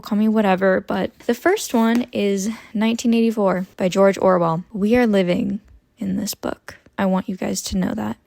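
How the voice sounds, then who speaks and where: A young woman in her twenties chatting casually about her book haul, expressive and prone to tangents. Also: medium pitch, creaky, dry recording. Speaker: book vlogger. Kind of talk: casual chat about books.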